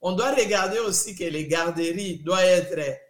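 Emphatic Congolese-accented woman, echoey room. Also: fairly low pitch. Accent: Congolese French. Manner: deliberate and emphatic, with frequent restarts and repeated words. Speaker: interviewee, immigrant community advocate. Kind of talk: earnest interview answer. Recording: roomy echo.

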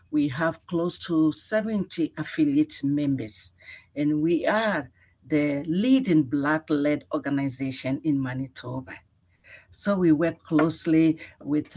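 A woman in her sixties from Ghana, answering radio interview questions in an earnest, measured way with frequent fillers. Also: low-pitched, darkish tone. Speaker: executive director, guest.

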